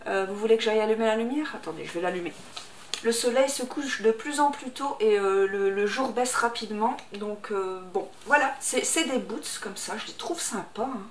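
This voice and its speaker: A woman's voice: fairly high pitch, moderate pace. A woman vlogger chatting to camera at home while unboxing, hesitant and full of fillers. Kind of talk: casual chat to camera. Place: room at home, indoors. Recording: echoey room with background noise.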